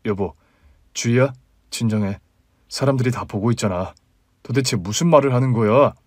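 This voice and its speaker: A man's voice: medium pitch, moderate pace, a little mellow, dry recording, studio quality, lightly acted. Guy reading as a flustered middle-aged husband, defensive, begging, mid voice. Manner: defensive, then pleading.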